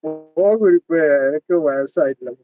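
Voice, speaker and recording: A chatty man in his thirties with a Malabar Malayalam accent hosts a casual livestream and jokes with viewers as he calls out their names. His voice sits a little high for a man. The phone audio sounds dull and dry, with no room echo. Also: fairly even intonation, normal speed, soft background music. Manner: chatty, teasing, greets viewers by name. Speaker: livestream host. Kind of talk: casual live chat reading comments.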